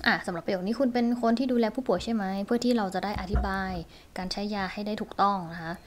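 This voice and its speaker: A woman teaching a lesson, explaining in a chatty way and modeling short phrases slowly and clearly. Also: mid-range voice, slight background noise. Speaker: English teacher for pharmacists.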